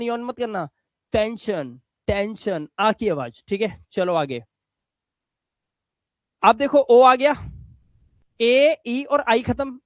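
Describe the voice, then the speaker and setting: A man with a fairly high voice teaches reading rules patiently, drawing out each example word and repeating it. The sound is dry and close. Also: dry recording. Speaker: spoken English teacher. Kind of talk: classroom lesson on reading rules.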